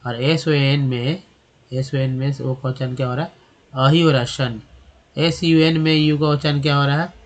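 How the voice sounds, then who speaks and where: A man's voice: medium pitch, steady tone, moderate pace. A man teaching English pronunciation, spelling words out letter by letter and asking and answering his own questions. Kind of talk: explaining pronunciation.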